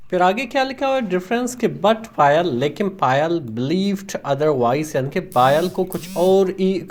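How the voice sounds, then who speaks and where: A man, teaching English by reading a story line by line, translating each word and answering his own questions. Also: fairly high pitch.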